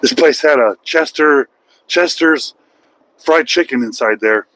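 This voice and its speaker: A man's voice: a little high, a little slow, fairly bright tone, poor audio. A man in his forties with an American accent, a truck driver vlogging from his cab at night, rambling and joking at his own expense. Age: 40s. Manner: rambling, self-mocking, joking. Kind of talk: casual vlog monologue while driving. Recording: faint road and engine noise.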